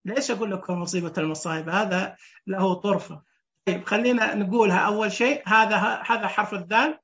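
A woman's voice: medium pitch, quick pace, fairly bright tone, muffled recording. A woman teaching Braille in an online class. She explains step by step, counts the dots aloud and keeps checking that her students are following. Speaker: Braille instructor.

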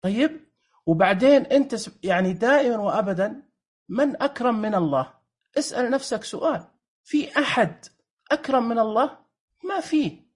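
A speaker giving a lively presentation talk with slides, emphatic and animated, often firing rhetorical questions at the audience. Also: medium pitch. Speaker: lecturer.

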